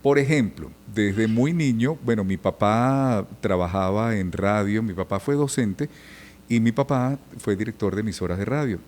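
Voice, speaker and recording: A man's voice: fairly low pitch, normal speed. A middle-aged man, a journalist and radio announcer, telling stories in a conversational podcast interview. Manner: storytelling, animated, imitates old radio announcers.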